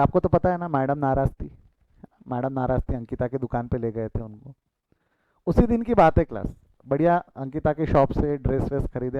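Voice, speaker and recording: A man teaching accountancy in a lively lecture, repeating phrases and quizzing his class. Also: mid-range voice, no echo. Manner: animated, repeats phrases, asks the class questions. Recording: dull dry lo-fi recording.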